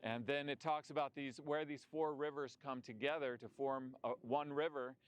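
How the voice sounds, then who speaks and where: A man's voice: mid-range voice, fairly even intonation, moderate pace, clear, resonant tone. A middle-aged man who grew up in Saudi Arabia, earnestly presenting a travel documentary and explaining things step by step.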